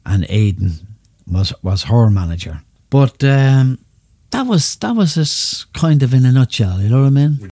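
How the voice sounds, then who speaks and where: A man's voice: mid-range voice, sing-song, unhurried, mellow, breathy edge, no echo, studio quality. An older Irish man, a former entertainer, reminiscing in a rambling way full of "you know what I mean" asides. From Ireland. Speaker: retired entertainer and chauffeur, interviewee. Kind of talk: reminiscing anecdotes and jokes.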